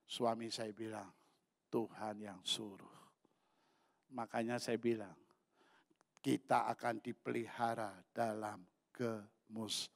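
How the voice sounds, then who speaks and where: A middle-aged male pastor preaching a sermon with personal testimony, shifting from quiet storytelling to loud, high exclamations. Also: level tone, slow pace, creaky, pauses often, big-room sound.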